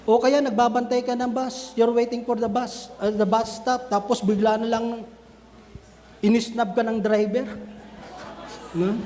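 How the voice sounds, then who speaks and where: A man preaching a sermon to a church group, talking to the brethren and acting out scenes in an animated way. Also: very high-pitched, measured pace, long pauses, big-room sound, a little hiss or hum. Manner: switches between Filipino and English, addresses listeners as brethren; animated, acts out scenes with raised voice. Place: church cell group gathering.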